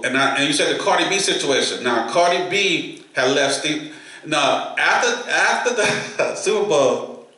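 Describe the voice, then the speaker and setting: A man from New York co-hosting a podcast, talking quickly, repeating words and asking pointed questions. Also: medium pitch, pushed and bright, heavy reverb, low-quality recording. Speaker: podcast co-host. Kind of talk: casual chat.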